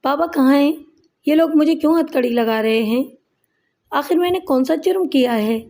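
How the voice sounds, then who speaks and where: A woman's voice: high-pitched, mellow, close to an everyday voice. A woman voicing a bewildered young man who pleads tearfully and desperately that he is innocent. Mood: pleading.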